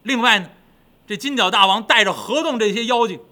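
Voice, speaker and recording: Bright-voiced male storyteller. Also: sits high, fairly quick. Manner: lively, dramatic. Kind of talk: traditional spoken storytelling.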